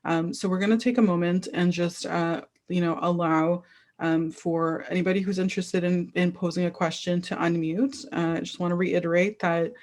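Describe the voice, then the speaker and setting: A woman's voice: fairly low pitch, steady tone, moderate pace, a little mellow. A woman moderating an online event, speaking carefully and reassuringly with many fillers. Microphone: video call.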